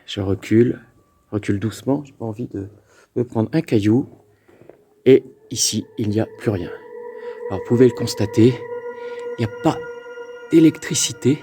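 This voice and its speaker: Dark-voiced man ghost hunting, stammering. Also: lowish voice, moderate pace, long pauses, soft background music. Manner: stammering, excitable, talks to spirits. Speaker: paranormal investigator. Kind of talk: ghost-hunting vlog narration. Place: abandoned mountain fort.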